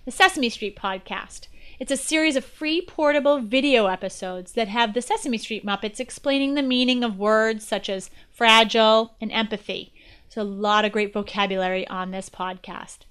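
A woman guest-hosting a podcast reads scripted educational narration in a presentational style. Her voice is higher-pitched, very clear and a bit bright, and she speaks at normal speed.

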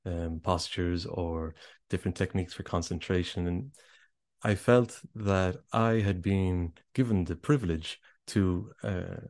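A man's voice: low-pitched, a little slow, darkish tone, no room sound. A man, an author and yoga teacher, answering interview questions in a thoughtful, hesitant way.

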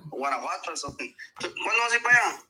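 A man's voice: high-pitched, animated, fairly quick, crowd noise, rough recording. A man with a Mexican accent chatting casually and jokingly in slangy, sweary Spanish with bits of English. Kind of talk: casual bilingual chat, Spanish with some English.

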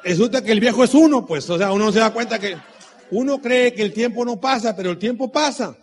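A man's voice: sits high, a little fast. A middle-aged man giving a motivational talk to an audience, preachy and full of rhetorical questions, repeating his key lines and mixing in personal stories. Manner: tells personal anecdotes. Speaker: motivational speaker at a business meeting.

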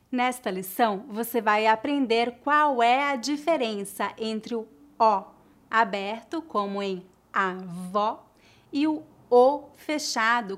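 A woman's voice: on the high side, a bit bright. A woman from Brazil with a Brazilian Portuguese accent, teaching a language lesson and spelling out each word with care. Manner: carefully enunciated, repeats example words for drilling. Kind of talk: slow, clear language lesson.

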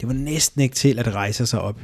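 A man's voice: mid-range voice, breathy edge. Man, podcast co-host, reads a story aloud, stammers, laughs a lot. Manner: laughs often, stammers and restarts. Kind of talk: casual chat and story reading.

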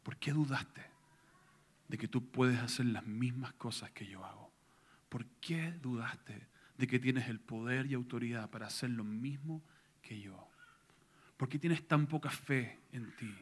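A preacher acting out a gentle teacher who calmly challenges a follower in a hushed, near-whispered voice. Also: male voice, mid-range voice, measured pace, breathy edge.

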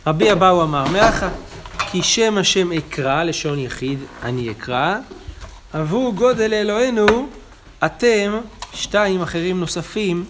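A man teaching a daily Talmud class in speech, explaining passages and chanting the quoted lines louder. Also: a little high, background noise.

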